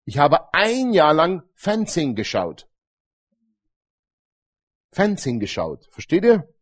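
A man's voice: a little high, slow. A middle-aged man preaching a sermon, telling stories animatedly and calling out Amen to the congregation. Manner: animated, storytelling, frequent Amen calls to the congregation.

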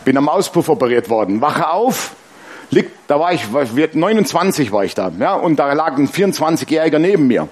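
A man's voice: on the high side, a little fast, husky. A man preaching a sermon, telling stories with laughter and asking the congregation questions. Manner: lively storytelling with laughs and congregation call-and-response. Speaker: pastor.

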